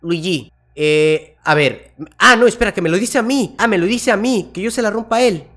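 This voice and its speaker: A man with a Mexican accent commenting on a horror game as he plays, jumpy and full of slang, who yells and laughs when something startles him. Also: sits high, moderate pace. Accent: Mexican Spanish. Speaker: gaming YouTuber.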